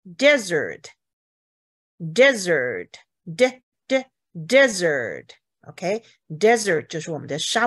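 A woman teaching English words to a class, asking questions, drilling each word slowly and saying OK a lot. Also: medium pitch, fairly bright tone, breathy edge. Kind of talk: bilingual vocabulary lesson to a class.

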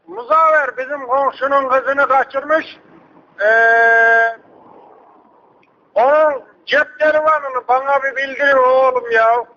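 Heavily acting, a man plays a persistent, hard-of-hearing old uncle from the village in a prank phone call, using a very high, bright, forceful voice with fairly even intonation and a slow pace. He rambles insistently, repeats himself, and asks people to talk louder. The recording is dull and lo-fi.

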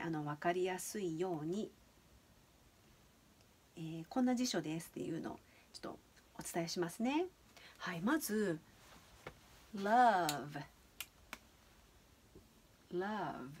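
A woman's voice: medium pitch, a little mellow, slightly rough. A woman teaching English pronunciation in a casual video lesson, chatty and explaining step by step with many fillers.

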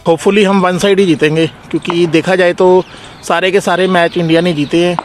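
A man's voice: high voice, flat delivery, fairly quick, faint music behind. A man in his thirties at outdoor cricket nets, confidently explaining his views into a handheld reporter mic. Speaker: cricket fan. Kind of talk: street interview.

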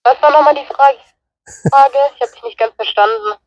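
A woman's voice: high-pitched, brisk, dry recording, muffled recording. A woman answering radio checks in short, plain replies, heard through a handheld two-way radio. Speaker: radio test partner. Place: on a balcony, then indoors.

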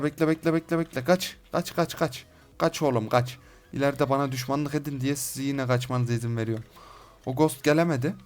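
A young man commenting on his Minecraft game, excitable, shouting threats at mobs and repeating phrases over and over. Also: mid-range voice. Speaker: gaming YouTuber. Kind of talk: Minecraft let's play commentary.

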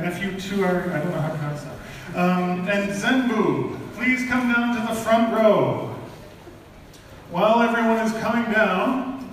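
Canadian guy hosting a live event, upbeat and a bit fumbly, slightly high, big echoey hall from far off, faint hiss. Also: fairly bright tone. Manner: upbeat, loose, stumbles over names. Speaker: event host.

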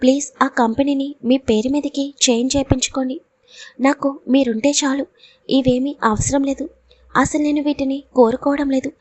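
A woman's voice: high-pitched, fairly even intonation, moderate pace, a little mellow, no room sound, lightly acted. A woman voicing a young heroine who is tearful and doubts herself, in a storybook reading. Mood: tearful pleading. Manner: pleading, emotional.

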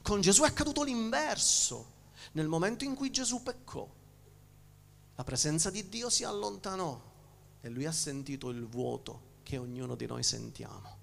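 A male pastor with a Sicilian Italian accent, preaching a sermon, swinging from loud emphasis to hushed near-whispers and often restarting his words. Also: on the high side, moderate pace, creaky.

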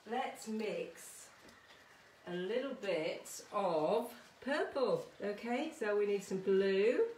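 Speaking slowly in a medium-pitched, darkish, animated voice, a middle-aged woman gives a children's art workshop, keeping things casual, chatty and encouraging and often checking in. The setting is a small conservatory-style home studio. Because a camera or phone a short distance away records her, the audio is roomy and distant, with some background noise.

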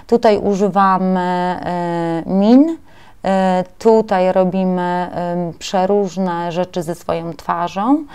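A woman presenting a webinar lecture to preschool teachers, often pausing with filler sounds as she explains her slides. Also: fairly low pitch, darkish tone, smooth.

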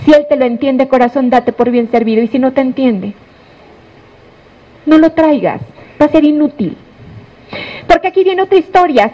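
A woman giving a law lecture, animated and putting pointed questions to her audience. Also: sits high, low-quality recording. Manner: animated, questions audience, calls listeners "corazón".

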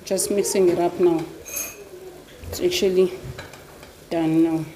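Slow and chatty, this woman vlogger has a fairly low, level, warm voice and keeps calling her viewers "guys." Her casual lifestyle vlog moves from an airport terminal to her home kitchen, shot on a phone at arm's length with crowd and background noise.

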